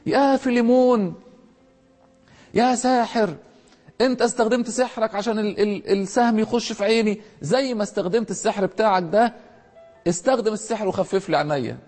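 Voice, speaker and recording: A man's voice: sits high, big pitch swings, fast, a little mellow, husky, pitched above the performer's own voice, full character voice. A man with an Egyptian accent voicing a cruel male Roman governor in a told story, in a raised, declaiming voice. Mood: anguished. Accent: Egyptian Arabic. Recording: long hall reverb, faint music.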